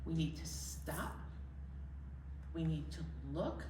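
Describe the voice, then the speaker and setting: Speaking slowly in a deep, darkish voice, a woman leads sing-alongs at a children's library storytime, using simple, encouraging phrases for young children. A distant mic picks up a roomy sound, music, and a little hiss or hum.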